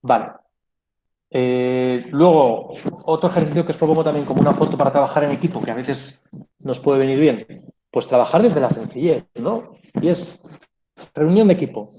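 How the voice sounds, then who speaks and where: A man's voice: mid-range voice, normal speed, warm tone. A man giving a reflective pastoral conference talk, explaining ideas with asides and small self-corrections. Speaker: conference speaker.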